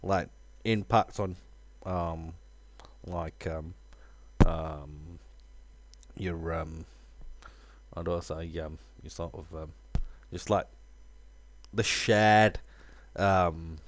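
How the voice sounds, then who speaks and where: A man streaming a game, talking casually in a rambling, halting way with lots of fillers. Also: low voice, fairly even intonation. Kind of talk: casual live-stream chat.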